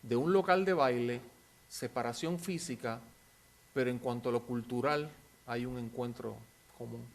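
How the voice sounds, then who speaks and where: Guy answering questions at a talk, creaky voice, mid pitch, chatty lecturer style. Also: normal speed. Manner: anecdotal, seeks agreement with tag questions.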